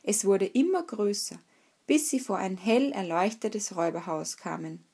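Breathy woman reading a fairy tale. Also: mid-range voice, expressive, normal speed, dark tone. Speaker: storyteller.

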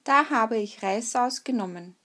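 A woman's voice: on the high side, a little slow, bright, forceful tone. A woman voicing an old, worn-out male hunting dog who whines and complains, in a spoken fairy tale. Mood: lamenting. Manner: whining, complaining.

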